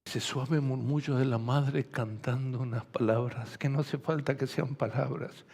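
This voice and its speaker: A man with a Rioplatense accent, a pastor preaching a sermon, moving from soft gentle speech to loud fervent preaching. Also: mid-range voice, fairly even intonation, unhurried, creaky, slightly rough. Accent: Rioplatense Spanish. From Argentina. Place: church hall. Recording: long hall reverb.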